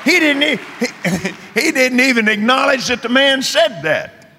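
A bright-voiced preacher with a drawl tells his story, swinging from near-shouts down to quiet asides. His voice rings through a large hall with a long echo and a faint hiss behind it. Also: measured pace, some chatter behind. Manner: animated, rising to shouts, drops low for asides. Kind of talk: sermon storytelling. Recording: echoey hall with faint noise.

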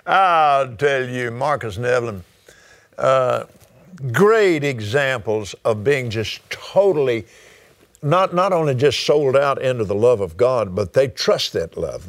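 A man preaching a sermon with fervor, repeating phrases and breaking into sudden high exclamations of praise. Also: animated, slow.

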